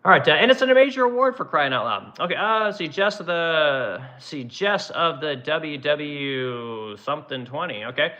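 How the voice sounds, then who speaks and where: A man's voice: fairly high pitch, animated, moderate pace, few pauses, pushed and bright, muffled recording. A man in his forties who runs a woodworking business, chatting casually on a livestream and answering viewers in a blunt, profane, rambling way. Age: 40s. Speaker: woodworking business owner answering live chat.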